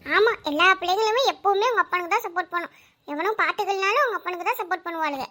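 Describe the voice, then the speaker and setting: A woman's voice: very high voice, very fast, pushed and bright. A woman voicing a fiery, fed-up village wife and mother in a cartoon. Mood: scolding. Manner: scolding, quarrelsome.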